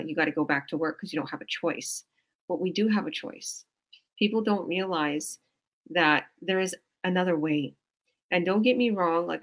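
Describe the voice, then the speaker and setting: Through a video call webcam, a woman with a lowish, fairly bright voice coaches her team from a small room at home. The talk is casual and motivational, delivered in a rambling, effusive manner full of restarts.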